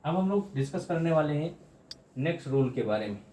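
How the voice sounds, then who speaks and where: A man's voice: a little high, animated, brisk, dark tone, roomy sound. A man teaching English grammar in Hindi for exam prep, repeating key terms and often addressing students as friends.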